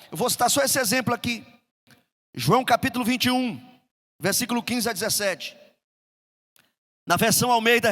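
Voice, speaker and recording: Man, Brazilian accent, pastor, dramatic sermon, high pitch, sharp bright tone. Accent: Brazilian Portuguese. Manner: dramatic preaching, swings between loud emphasis and soft asides. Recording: reverberant hall.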